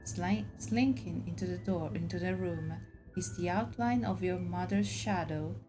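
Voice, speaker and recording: A woman's voice: fairly low pitch, measured pace, low-quality recording. A woman reading story game narration aloud in a dramatic storybook way, occasionally stumbling on words. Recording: music bed under the voice. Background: clear background music.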